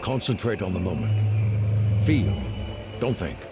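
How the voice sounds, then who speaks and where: A man playing a calm, solemn older warrior mentor in a video game, with bad acting. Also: low-pitched, takes it slowly, over loud music, full character voice.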